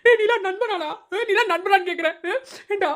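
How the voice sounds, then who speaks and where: A woman's voice: very high voice, fairly quick, a bit bright. A woman voicing a lovesick, melodramatic young male college student in a cartoon, wailing and full of self-pity. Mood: indignant. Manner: wailing, self-pitying, over the top. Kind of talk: cartoon voice acting.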